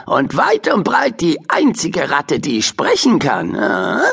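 A man's voice: on the high side, wildly swooping pitch, takes it slowly, vocal fry, a bit bright, slightly rough, pitched above the performer's own voice, exaggerated voice. A man voicing a cheeky, clever male street rat in a children's audiobook, brash and cocky. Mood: boastful. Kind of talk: audiobook character voice.

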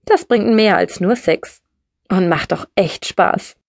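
A woman's voice: lowish voice, slow pace, creaky, no echo, studio quality, exaggerated voice. A woman voicing a streetwise young woman who talks bluntly and breezily in an audiobook. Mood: breezy. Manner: blunt, breezy, matter-of-fact.

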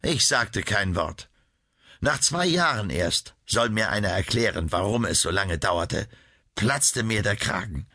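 A man voicing a cursed young prince who grimly recounts his betrayal, in a grave, measured way. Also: lowish voice, animated, pushed and bright, no room sound, heavily acted. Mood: bitter.

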